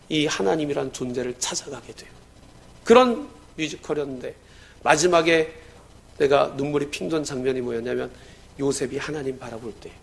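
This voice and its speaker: High-voiced Korean pastor preaching. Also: male voice, gravelly. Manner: storytelling, swings between loud exclamations and hushed lines. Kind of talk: sermon.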